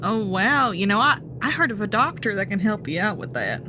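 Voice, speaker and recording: A woman's voice: mid-range voice, very animated, fairly quick, sharp tone. A woman voicing a dry, prickly skeleton outlaw in a tabletop game, hesitant and sardonic. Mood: affable. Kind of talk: tabletop role-play. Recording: noticeable background noise.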